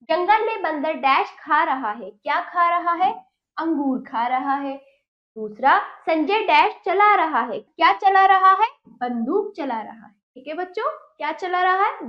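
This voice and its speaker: A woman teacher giving a children's Hindi lesson, reading in a slow, sing-song way and asking the class prompting questions. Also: high-pitched, muffled recording.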